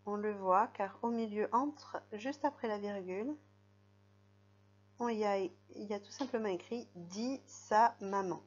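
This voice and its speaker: A woman gives a reading lesson to young children. She talks slowly and patiently, spelling out letters and syllables one at a time. The recording sounds dull and lo-fi. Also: medium pitch. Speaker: teacher.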